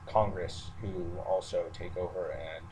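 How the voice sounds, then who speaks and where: Deep, mellow, and level, this man's voice moves at a measured pace on a rough recording. He works in the military and rants in online videos, here giving an unscripted, matter-of-fact monologue to listeners with hesitations as he thinks aloud. There's background noise, and a roommate is nearby.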